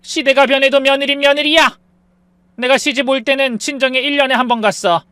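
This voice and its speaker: A woman's voice: high voice, fairly even intonation, brisk, sharp tone, no room sound, voice pushed up. A woman voicing a domineering older mother-in-law who talks with scorn and scolds. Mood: scornful. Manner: scolding, contemptuous.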